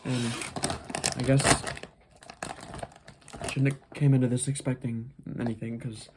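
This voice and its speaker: A food review host chatting casually in a low-key, hesitant, unhurried way. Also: level tone, heavy background noise. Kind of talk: casual snack review chat.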